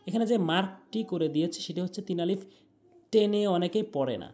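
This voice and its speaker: A man teaching Quran pronunciation, spelling out each letter and vowel, then chanting the verse slowly with long drawn-out notes. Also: high voice, darkish tone.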